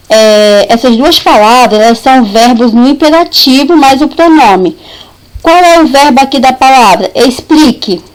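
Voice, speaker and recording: Slow, high-voiced woman teacher. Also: rough recording. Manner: patient, repeats points, checks understanding. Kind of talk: recorded classroom lesson.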